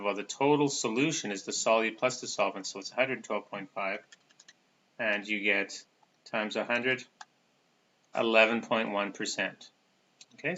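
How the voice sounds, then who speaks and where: A man giving a recorded chemistry lecture in a casual, halting way, with many fillers. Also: lowish voice, pushed and bright. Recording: dull lo-fi recording.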